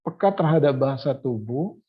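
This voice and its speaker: A man's voice: medium pitch, animated, normal speed, husky, narrow, tinny audio. A man lecturing to university students, explaining step by step with many fillers and restarts and checking whether they follow. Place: classroom or online class.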